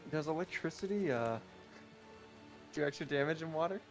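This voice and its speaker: A man's voice: a little high, lively intonation, normal speed, faint music behind. A man playing a tabletop game, talking in a jokey, casual way. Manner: jokey, laughs often. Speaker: player.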